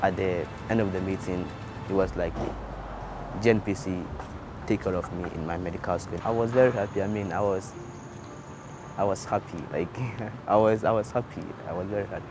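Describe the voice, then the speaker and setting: A young man gives an interview testimony, his voice sitting a bit low. He restarts and repeats his words as he searches for them. Music plays clearly behind him. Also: steady tone, fairly quick. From Ghana. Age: young adult. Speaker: scholarship student. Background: soft background music.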